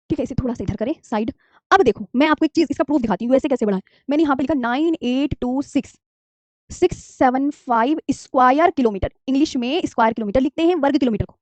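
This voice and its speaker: High-voiced coaxing woman teacher. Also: darkish tone, no room sound. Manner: coaxing, repeats key terms and asks students to say them along; calls students "dear children", mixes English terms into Hindi. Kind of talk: online geography lesson. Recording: dry, slightly dull lo-fi mic.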